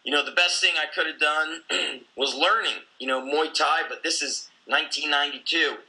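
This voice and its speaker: A man's voice: on the high side, moderate pace, pushed and bright, low-quality recording. A man in his forties, a gym owner and coach, talking bluntly and intensely in a casual conversation, swearing freely.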